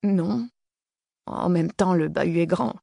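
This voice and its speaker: Narrator plays a nervous teen stoner hiker, mumbling slang, pitched up, dry. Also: male voice, slow, gravelly, dark tone, no room sound, exaggerated voice. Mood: defensive.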